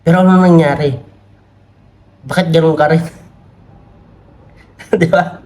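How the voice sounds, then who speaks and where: A man's voice: on the high side, steady tone, a little slow, darkish tone. Chatty Filipino man reading comments. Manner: chatty, laughs often, many tag questions; reads comments aloud from screen. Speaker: political commentary vlogger. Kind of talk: casual commentary. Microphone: camera mic.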